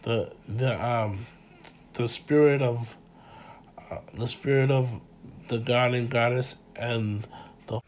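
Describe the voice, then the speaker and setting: A man with a congested voice giving an informal mini lecture, halting and repeating words as he speaks earnestly to his listeners. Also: medium pitch, fairly even intonation, slight background noise. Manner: earnest, addresses listeners directly. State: congested from a cold.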